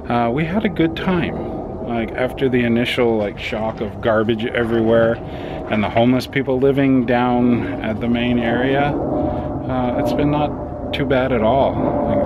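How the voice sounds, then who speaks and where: A middle-aged male vlogger with a medium-pitched, steady voice chats casually at a moderate pace while walking his dogs along a desert trail. He holds the camera at arm's length, and distant traffic can be heard in the outdoor ambience.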